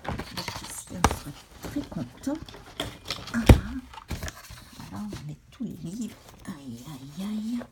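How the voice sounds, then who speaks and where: A woman's voice: fairly low pitch, heavy background noise. A woman with a young daughter, chatting casually and rambling in a self-mocking way as she shows off her purchases. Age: adult with a young daughter. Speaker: vlogger showing a haul. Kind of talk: casual show-and-tell vlog. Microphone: handheld phone.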